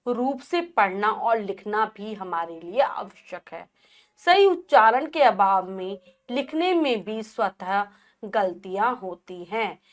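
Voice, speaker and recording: A woman teacher giving a grammar lesson to children, repeating words slowly and carefully to show the correct spelling. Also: fairly high pitch.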